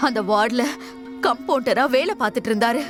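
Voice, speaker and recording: Grieving daughter, played by a woman: crying through her words, halting delivery, score underneath. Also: fairly high pitch, expressive, over music, natural voice. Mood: tearful. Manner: tearful, halting. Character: grieving woman recounting her father's past. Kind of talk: dubbed film drama.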